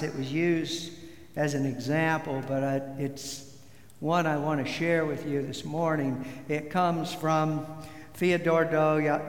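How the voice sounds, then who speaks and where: A male pastor delivers his sermon at an unhurried pace, pressing emphatic words. His slightly raised voice carries through a roomy sanctuary with a long, lingering reverb. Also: fairly high pitch. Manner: slow, deliberate preaching with emphatic stresses. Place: church sanctuary. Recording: echoey hall with long reverb.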